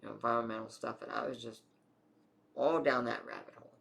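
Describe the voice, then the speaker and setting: Gravelly young man telling a rambling story. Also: medium pitch, fairly even intonation, quick pace, a bit bright. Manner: rambling, full of fillers and swearing. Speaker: vlogger telling his health story. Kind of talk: casual personal storytelling.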